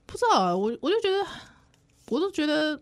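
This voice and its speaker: A woman with a Taiwanese Mandarin accent co-hosting a casual podcast chat, animated and quick to burst into laughter. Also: high voice, no echo. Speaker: podcast co-host.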